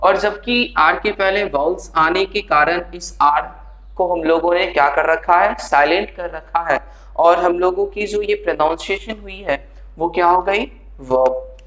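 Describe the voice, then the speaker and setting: Male English tutor, high-pitched, friendly classroom delivery, roomy echo. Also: fairly even intonation, unhurried, fairly bright tone, lo-fi sound. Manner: chatty teacher addressing students as friends. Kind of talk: casual classroom explanation.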